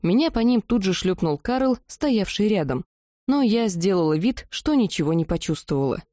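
A woman reading a first-person fantasy audiobook, telling the story in a lively, expressive way. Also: medium pitch, moderate pace, no room sound, studio quality. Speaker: audiobook narrator.

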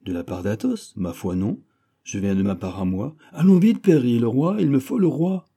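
A man's voice: deep voice, lively intonation, normal speed, warm tone, slightly rough, full character voice. A man voicing a bold, boastful musketeer in an audiobook, brash and impatient, swearing as he demands things.

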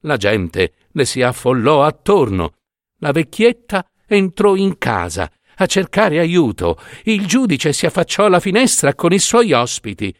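Male storyteller, fairy tale reading, slow and very lively, dry close mic. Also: on the high side, no echo. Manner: expressive, unhurried.

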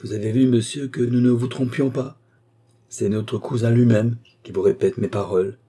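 A man's voice: mid-range voice, fairly even intonation, normal speed, mellow, husky, lightly acted. A man voicing a pompous, self-important middle-aged aristocrat in a read-aloud novel, speaking with haughty declamation.

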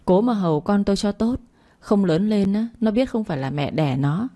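A woman's voice: mid-range voice, animated, moderate pace, mellow, lightly acted. A woman doing a sneering, scheming young mistress. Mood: taunting. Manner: taunting, sneering.

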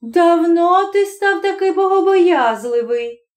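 A woman voicing a brisk housewife who scolds her husband with mocking disbelief, in an audiobook story. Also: extremely high pitch, lively intonation, pitched above the performer's own voice, heavily acted. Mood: scolding. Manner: scolding, incredulous.

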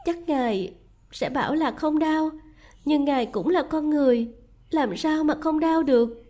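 Woman doing a teary young noble lady, choked and shaky, higher than her narration, mellow soft tone. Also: measured pace. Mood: tearful. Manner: choked, pleading and tearful. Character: tearful young noblewoman, tender and trembling.

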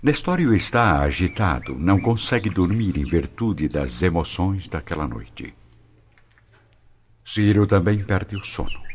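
A low-pitched man delivers scripted, dramatic narration for a radio drama, with prominent music playing behind him. The audio is dull and lo-fi, carrying a slight hiss or hum.

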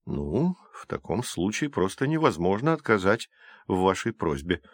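A man voicing a good-humoured, courteous gentleman who jokes gently. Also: sits low, big pitch swings, normal speed, no room sound. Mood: courteous, joking.

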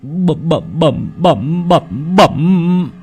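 A man's voice: fairly high pitch, very animated, drawn-out words, a little mellow, husky, voice pushed up, full character voice. A man doing a stammering terrified young servant. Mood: panicked. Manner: stammering, repeating words in terror. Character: panicked young male servant.

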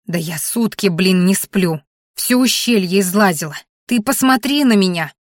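A woman reading an audiobook, voicing a hot-tempered young woman who scolds and yells at her friend. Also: mid-range voice, expressive, moderate pace, dry recording, clean studio sound, natural voice. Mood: furious. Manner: shouting, scolding. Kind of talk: audiobook character voice.

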